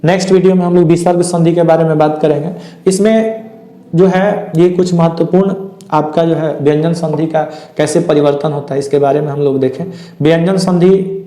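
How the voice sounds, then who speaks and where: A man's voice: on the high side, fairly even intonation, normal speed, warm tone. A man teaching a lesson, asking his own questions and then answering them as he works through each rule. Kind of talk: classroom lesson. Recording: echoey room.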